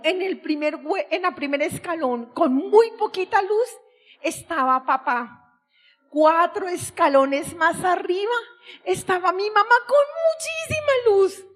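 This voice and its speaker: A woman's voice: high-pitched, expressive, a little slow. A middle-aged woman giving an impassioned, tearful religious testimony. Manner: impassioned, tearful, crying out at times.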